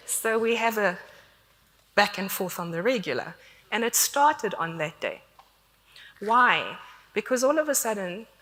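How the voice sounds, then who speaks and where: A woman's voice: medium pitch, pushed and bright. South African woman talking in a reverberant hall. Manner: candid, conversational, self-deprecating. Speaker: conference speaker. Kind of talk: conference talk.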